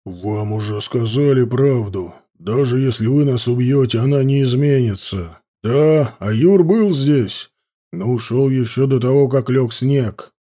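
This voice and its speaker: A man's voice: medium pitch, a little slow, warm tone, close to an everyday voice. A man narrating an audiobook, voicing a former temple guard who speaks earnestly and firmly.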